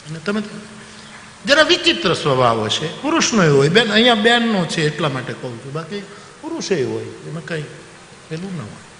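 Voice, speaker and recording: Male religious storyteller, folksy and animated, slightly high-pitched, in a reverberant hall. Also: fairly quick, slight background noise. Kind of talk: devotional story sermon. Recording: roomy hall with long reverb.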